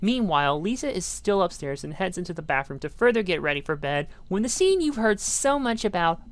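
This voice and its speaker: Brief: woman game reviewer, low but lively voice, sarcastic narration. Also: a little fast. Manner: dry, sarcastic asides. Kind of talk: scripted video-essay narration.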